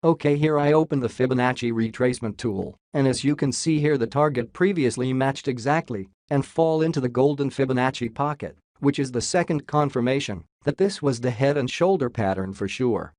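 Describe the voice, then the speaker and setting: A man's voice comes through a robot voice filter, sitting at a middling pitch. He talks casually over a screen share of price charts and drops jokes as he goes. The sound is dry and close, with no room around it. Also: fairly quick, hardly any pauses, a little mellow, no echo. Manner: jokey, says "lol" aloud. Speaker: crypto chart analyst.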